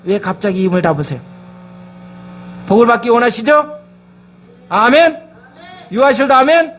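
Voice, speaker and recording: A man's voice: very high-pitched, normal speed, a bit bright. A male pastor preaching a sermon in a church, emphatic and firing rhetorical questions at the congregation. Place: church sanctuary.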